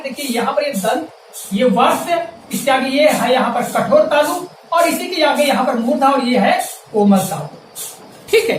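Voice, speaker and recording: Male teacher with a high voice, carefully spelling out each word, recorded from a distance with faint hiss behind. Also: fairly bright tone. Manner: deliberate, emphatic enunciation of sample words. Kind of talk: grammar lesson with demonstrations. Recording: echoey room, voice from a distance, faint ambient hiss.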